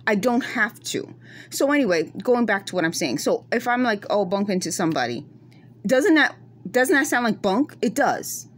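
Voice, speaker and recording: With a medium-pitched voice full of big pitch swings, a middle-aged Bronx vlogger talks at normal speed into a close-up phone camera in a dim room at night. Her New York accent has West Indian traces; she is earnest and insistent, going in circles in this casual monologue, with a little hiss or hum behind her.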